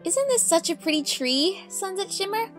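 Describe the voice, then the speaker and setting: A woman's voice: very high voice, lively intonation, moderate pace, over music, voice pushed up. A woman voicing an earnest, fussy young princess in a story reading, eager and precise. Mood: gentle wonder.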